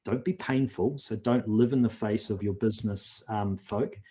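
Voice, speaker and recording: A man's voice: lowish voice, moderate pace, dark tone. A man speaking as a consultant guest in a casual podcast interview, earnest and often repeating words as he restarts.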